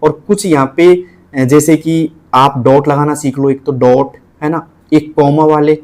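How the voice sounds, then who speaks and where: Man with a slightly high voice tutoring typing. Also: fairly even intonation, darkish tone. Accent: Rajasthani Hindi. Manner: repeats points, spells letters out slowly. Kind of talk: casual teaching.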